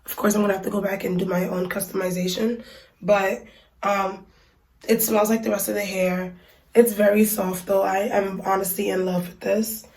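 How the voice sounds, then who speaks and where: A woman with a mid-range, slightly mellow voice and a stuffy nose from a cold chats casually at a moderate pace, her delivery flat and full of ums and likes. She's a beauty vlogger unboxing and reviewing hair in a small bathroom. The room echoes and the mic sits at a distance.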